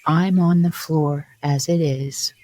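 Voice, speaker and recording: A woman's voice: deep voice, fairly even intonation, slow pace, mellow. A woman voicing a nervous, humble poor man, a storybook hatter, with a trembling, timid, pleading voice. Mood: miserable, timid. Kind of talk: storybook character voice.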